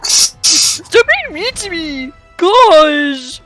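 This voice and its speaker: High, animated woman at a game table. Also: drawn-out words, music in the background. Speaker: player. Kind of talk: casual game chat.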